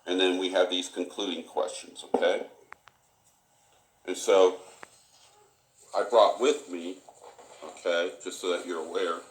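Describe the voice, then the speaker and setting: A man with a deep voice runs a formal recorded interview as an investigator. He speaks haltingly and procedurally, often repeating himself. The sound is a dictaphone-style recording with clear room echo. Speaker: police internal affairs interviewer. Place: indoor room. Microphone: tape recorder in the room.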